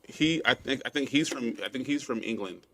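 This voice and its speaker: Fast-talking male co-host. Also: medium pitch, lively intonation, a bit bright. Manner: fast, joking banter. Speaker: podcast co-host. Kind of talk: casual interview chat.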